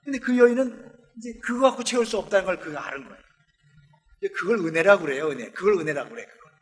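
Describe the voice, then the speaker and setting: A man preaching a sermon as a pastor, telling the story with lively acted-out lines from the characters. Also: sits high, quick pace. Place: church sanctuary. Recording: long church hall reverb.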